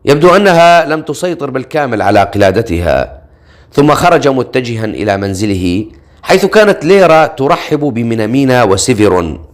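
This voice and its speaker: A man's voice: mid-range voice, a little fast. A young adult man reading a fantasy novel aloud, narrating steadily and shifting his voice slightly for each character. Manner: steady storytelling, voicing characters with small shifts. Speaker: audiobook narrator.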